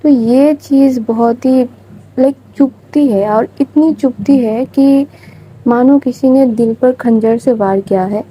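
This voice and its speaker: A woman's voice: high voice, takes it slowly, warm tone, slightly rough, rough recording. A woman narrating a story in a chatty, informal way, with confiding asides to listeners.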